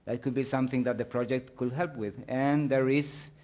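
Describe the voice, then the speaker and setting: Pausing and restarting often as he searches for words, a man presents his slides in a halting technical conference talk. His voice sits in a typical middle male range, a little mellow, with fairly even intonation.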